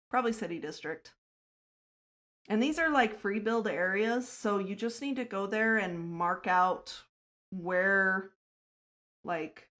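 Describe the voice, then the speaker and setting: A woman hosts her own livestream in a relaxed, chatty way. She laughs often and answers her chat between thoughts as she plays. Her voice sits at a middle pitch for a woman. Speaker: livestreamer and server host. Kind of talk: casual livestream chat while playing a game.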